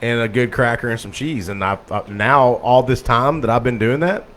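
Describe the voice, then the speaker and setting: A middle-aged man, co-hosting a relaxed podcast. He rambles in an easygoing way and jokes about himself. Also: medium pitch, normal speed. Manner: laid-back, joking, calls himself a redneck. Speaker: podcast co-host. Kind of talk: casual chat.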